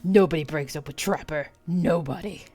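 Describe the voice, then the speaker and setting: A woman's voice: low-pitched, normal speed, faint music behind. Woman putting on a blustering brute of a killer. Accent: Australian. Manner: loud, blustering, near shouting. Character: male masked killer, huge gruff brute.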